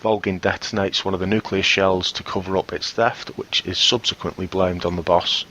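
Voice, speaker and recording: A man with a very deep voice reads a story summary aloud for a gaming podcast. His reading is steady and plain. Faint room ambience sits behind him. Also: normal speed, a little hiss or hum. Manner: reads a plot summary steadily, chats in short replies. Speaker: podcast host.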